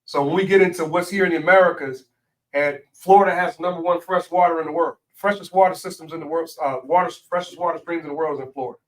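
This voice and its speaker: A man's voice: on the high side, fairly even intonation, fast, recorded from a distance, low-quality recording. A man speaking as a guest in a studio interview, lecturing emphatically and spelling out words.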